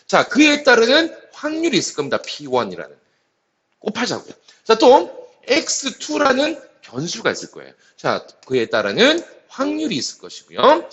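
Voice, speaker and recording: A man's voice: very high-pitched, wildly swooping pitch, moderate pace, a bit bright. A man teaching a math lesson, repeating key terms and starting many phrases with a filler word to pace his explanation. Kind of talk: classroom math lecture. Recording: slightly dull lo-fi sound.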